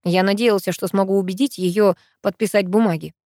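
A woman reading the part of a remorseful grown male professor, speaking low, calm and earnest in an audiobook. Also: brisk, no room sound, studio quality, lightly acted. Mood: measured.

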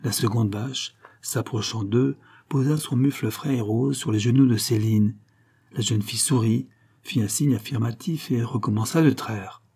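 A male narrator reads a classic tale aloud at a calm, measured pace. His voice is husky and mellow, with a mid-range pitch. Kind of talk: audiobook reading of a classic story.

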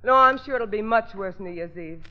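An actress playing a wife faking a dramatic illness in a 1940s radio sitcom, plaintive and melodramatic. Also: female voice, medium pitch, brisk, lightly acted. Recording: dull lo-fi old radio broadcast, faint hiss.

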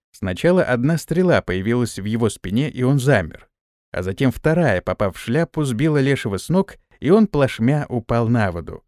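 Male audiobook narrator: steady, animated pitch, dry close sound. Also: no room sound. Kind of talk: scripted narration.

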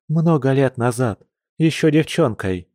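A man voicing an anxious, tender young woman who is a bear shapeshifter, speaking softly with sighs. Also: medium pitch, expressive, unhurried, dry recording, studio quality, voice pushed up, natural voice. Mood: worried.

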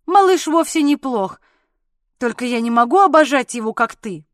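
A woman voicing a jealous, petulant young husband who complains loudly in an audiobook. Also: high-pitched, lively intonation, normal speed, dry recording, studio quality. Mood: pleading. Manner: loud, sulky and exasperated.

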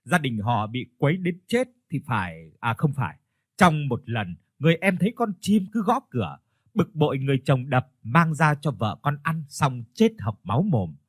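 A male storyteller narrating a ghost story in a scripted reading, with soft instrumental music behind him. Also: medium pitch, sing-song, normal speed, slightly rough, no echo, studio quality. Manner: storytelling, voices the characters.

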